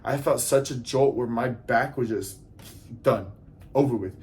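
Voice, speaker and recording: A man in a mid-pitched voice tells a story to his viewers, casual and earnest. He acts out the lines of the people in his story as he goes. He often turns to speak straight to his audience. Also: a little slow, a little hiss or hum. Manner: animated retelling, acts out dialogue; earnest, addresses viewers directly. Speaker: vlogger.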